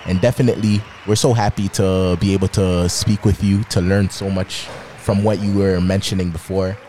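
A man's voice: low-pitched, flat delivery, normal speed, warm tone, a little hiss or hum. A man hosting a podcast in a casual, upbeat and encouraging way. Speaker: podcast host. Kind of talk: casual podcast interview chat.

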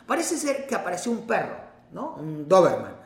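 A man's voice: high voice, moderate pace, echoey room. A man, co-hosting a web show, who teases and jokes around in casual chat. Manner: teasing, animated, jokes around.

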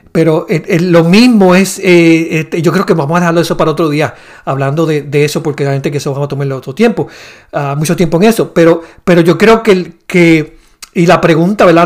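A man hosting a casual faith podcast, rambling and searching for words, with a teasing streak. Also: fairly high pitch. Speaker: podcast host. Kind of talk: casual religious chat.

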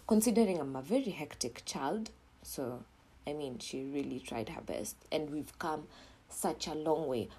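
Young kenyan woman, podcast host, husky voice, lowish pitch, blunt, swears a lot, casual monologue. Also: mellow. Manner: blunt, swears freely, switches between English and Swahili slang; drops to a whisper at times.

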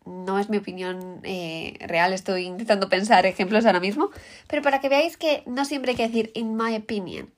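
A woman's voice: medium pitch, a little fast. A woman with a Peninsular Spanish accent giving an upbeat English lesson, explaining vocabulary and saying the example words in English. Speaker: English teacher. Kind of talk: language lesson.

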